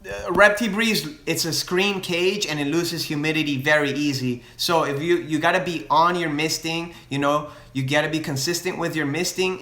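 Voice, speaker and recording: A man's voice: a little high, bright, forceful tone. Man, reptile breeder, casual livestream Q&A, mixes Spanish and English, lots of fillers, echoey room. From Florida. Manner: rambling, many restarts and fillers; switches between Spanish and English. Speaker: reptile breeder answering viewer questions.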